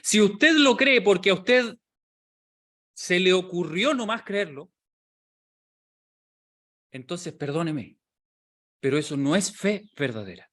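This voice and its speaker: A man's voice: high voice, lively intonation, slow, pauses often, a bit bright. A man preaching a sermon to a small group, asking rhetorical questions and acting out the voices he quotes.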